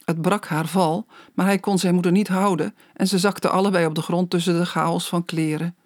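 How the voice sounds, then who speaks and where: Slow, measured audiobook narrator. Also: medium pitch, fairly even intonation, no echo, clean studio sound. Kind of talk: scripted storybook narration.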